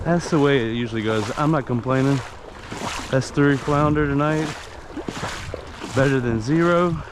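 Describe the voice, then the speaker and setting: A man's voice: mid-range voice, moderate pace. Easygoing man, noisy outdoor recording. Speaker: host of an outdoor fishing and cooking vlog. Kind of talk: casual vlog narration. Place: outdoors, by water and at home. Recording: outdoor noise, water sounds.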